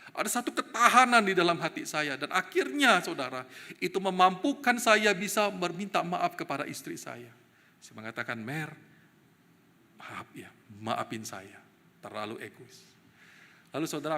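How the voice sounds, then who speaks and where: A male evangelist delivers a sermon with bright, forceful energy, pitched a little high. He tells his story with lively swings between quiet and loud passages. The voice rings out in a church hall with a long reverb tail. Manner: animated storytelling, shifts between soft and loud. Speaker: evangelist preaching.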